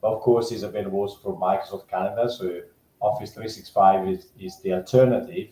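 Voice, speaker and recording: A man's voice: fairly even intonation, fairly quick, warm tone. A man on a video call explaining product settings plainly, his voice echoing like he is in a cave. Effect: echoey cave-like sound from a poor mic setup. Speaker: product team member on a demo call. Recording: echoey room with faint rumble.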